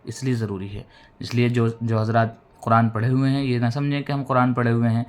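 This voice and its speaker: A man teaching Quran reading in a recorded lesson. He drills syllables slowly, drawing out the vowels, and explains each rule patiently. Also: mid-range voice, level tone.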